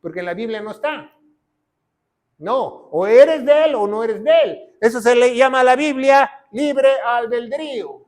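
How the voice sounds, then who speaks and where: A male pastor preaching a sermon, mixing loud emphatic declarations with quiet low lines and frequent tag questions. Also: unhurried.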